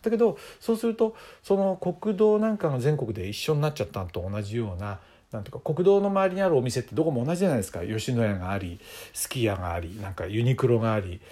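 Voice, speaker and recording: Lively-pitched man musing aloud. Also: breathy edge. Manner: musing, conversational, many fillers. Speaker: podcast host. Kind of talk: casual solo talk.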